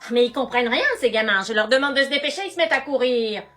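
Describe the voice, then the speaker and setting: Woman as a fussy school hall monitor, bossy, scolding, high and bright voice. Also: fast talker, faint music behind, natural voice. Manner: scolding, contradictory orders.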